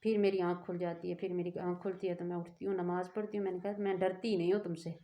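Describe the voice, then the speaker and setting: In a muffled recording, a woman with a lowish, level voice tells a personal story to camera at a quick pace. Her telling is earnest and rambling, constantly breaking off to interrupt itself.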